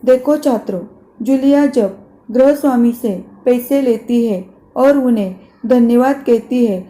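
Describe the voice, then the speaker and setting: A woman's voice: a little high, measured pace, dark tone. A woman teacher reading a play aloud to her class, stopping to explain words step by step. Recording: echoey room.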